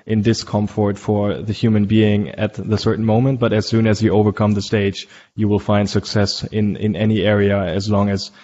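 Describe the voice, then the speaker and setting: A man interviewing a guest, asking long, halting questions with many restarts. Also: lowish voice, little pitch movement, a little mellow, highs cut off. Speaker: interviewer, host.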